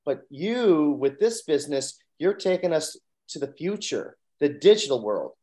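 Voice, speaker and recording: A man's voice: a little high, big pitch swings, normal speed, mellow. Upbeat male podcast host. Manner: upbeat, enthusiastic. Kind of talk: casual interview hosting.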